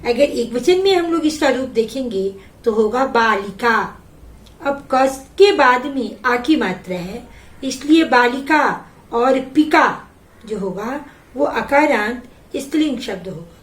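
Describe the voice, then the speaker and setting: A woman teaching a Sanskrit lesson, slowly reading each word and then giving its meaning. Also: fairly high pitch, lively intonation, roomy sound. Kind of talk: slow classroom explanation.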